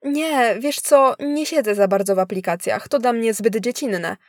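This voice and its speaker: A woman's voice: mid-range voice, a little fast, a little mellow, no room sound, clean studio sound, natural voice. A woman reading as a sarcastic, sceptical wife. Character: sharp-tongued, sceptical wealthy woman.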